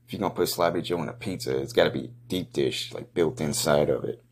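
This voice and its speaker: Casting: low-pitched male for off-the-cuff, foul-mouthed, slangy first-person narration with a blunt, mocking edge. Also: fast talker, gravelly, husky. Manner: crude, profane, slangy. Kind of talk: casual improvised first-person running commentary.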